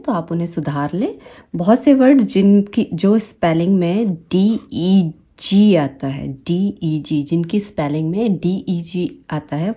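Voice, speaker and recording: Slow, mellow woman teaching phonics with a Hindi accent. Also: on the low side. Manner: repeats each word several times and stretches it out. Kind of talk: slow, deliberate teaching with repeated example words.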